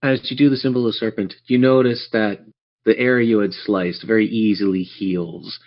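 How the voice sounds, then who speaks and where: This game master has a fairly low voice, a steady tone, and a normal pace. He narrates the scenes of his tabletop role-playing game descriptively, like a theatrical storyteller, over dull lo-fi sound.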